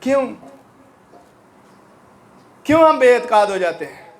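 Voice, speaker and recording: A male pastor preaching a sermon with fervour, rising to shouts and dropping low, and acting out the voices of his congregation. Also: sing-song, measured pace.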